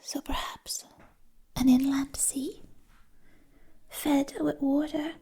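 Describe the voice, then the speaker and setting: A woman whispering a poetic ASMR monologue right in the listener's ear on a close binaural mic, in breathy, deliberate, lyrical phrases with long pauses. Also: high-pitched, flat delivery, mellow. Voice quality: breathy, mostly unvoiced whisper. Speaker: ASMR performer. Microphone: close binaural ASMR microphone.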